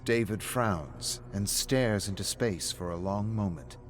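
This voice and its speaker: A man with a low voice reads a story aloud in a steady, subdued way. Faint music sits underneath his narration. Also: unhurried. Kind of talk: reading a story aloud on a live stream.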